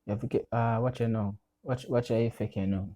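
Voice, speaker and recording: A man's voice: mid-range voice, fairly even intonation, fairly quick, dark tone. A man with a Jamaican accent giving a casual step-by-step commentary. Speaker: friend doing a makeup voice-over.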